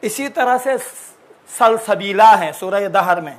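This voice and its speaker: A man teaching Quran recitation in a religious lesson, explaining patiently and drawing out syllables to demonstrate. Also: high-pitched. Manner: drawn-out demonstration of syllables and words; explaining, repeating examples patiently.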